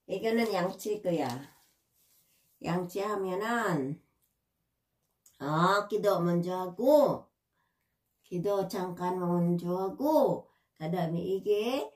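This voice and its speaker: A woman talking to her pet, scolding it and repeating short, simple commands. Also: medium pitch. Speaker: pet owner vlogger. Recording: roomy, from a distance.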